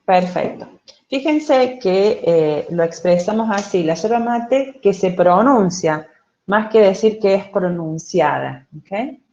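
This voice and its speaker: With a warm, fairly low voice, she teaches English online as a Spanish speaker, going slowly and patiently. She keeps confirming understanding with "¿sí?" and "¿ok?", and the audio quality is lo-fi.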